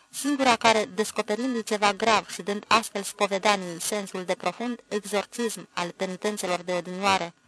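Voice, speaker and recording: An audiobook narrator reading literary prose with a measured, even delivery. The voice has a gravelly edge and sits at a middle pitch. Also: poor audio.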